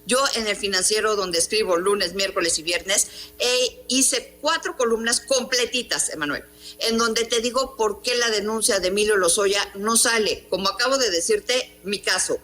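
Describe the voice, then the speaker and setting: Speaking at a moderate pace in a bright, forceful, medium-pitched voice, a middle-aged Mexican journalist and columnist gives an emphatic, indignant interview on a news program. She asks rhetorical questions in her Mexican Spanish accent, and faint music plays behind her.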